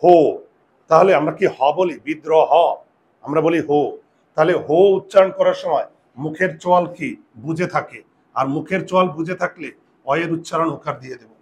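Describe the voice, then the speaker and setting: Fairly high-voiced man teaching a lesson. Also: steady tone, fast. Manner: explanatory, asks the class questions. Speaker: Bengali grammar teacher. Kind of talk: classroom lesson on pronunciation.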